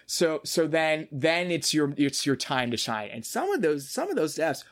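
A man hosting a casual podcast chat, talking in an animated way and often repeating words as he gathers his thoughts. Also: a little high, moderate pace, no echo.

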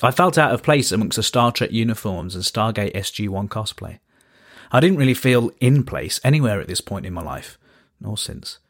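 Here the Birmingham podcaster, a man in his thirties, tells his own story from a script at a moderate pace. His low-leaning voice has lively intonation, and his delivery stays dry and wryly understated.

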